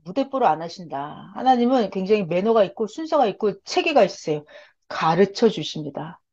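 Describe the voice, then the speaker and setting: A woman Bible teacher giving an animated Bible study lesson, often putting questions to her listeners. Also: mid-range voice, a little fast, highs cut off. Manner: animated, asks the audience frequent rhetorical questions.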